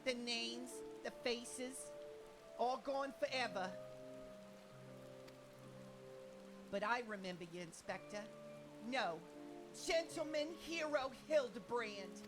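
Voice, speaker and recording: Woman doing a bright, earnest young would-be inspector. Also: a little high, expressive, a little slow. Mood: tearful. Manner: theatrical, dramatic sighs and sobs. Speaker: fan voice actor. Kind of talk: fan dub of game dialogue. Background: game music.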